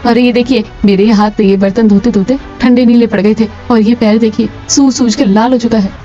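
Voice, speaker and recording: A woman voicing a lazy, defiant young daughter-in-law in a cartoon, with sharp retorts. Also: a little high, fairly even intonation, a little fast, natural voice. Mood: indignant. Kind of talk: cartoon voice acting. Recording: lo-fi with soft music.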